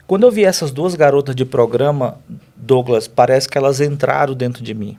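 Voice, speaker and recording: A man's voice: mid-range voice, moderate pace, warm tone. A man, a pastor, giving an earnest and emotional personal testimony in a conversational interview. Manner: earnest, emotional, speaks directly to host. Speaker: pastor, guest.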